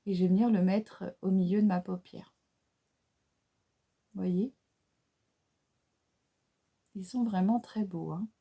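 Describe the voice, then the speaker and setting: A French-accented woman talks through a makeup tutorial at a slow, unhurried pace. Her voice is mellow and warm rather than bright. She chats casually, hesitating often with fillers and restarts. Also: mid-range voice, fairly even intonation, vocal fry, slightly rough. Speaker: beauty vlogger.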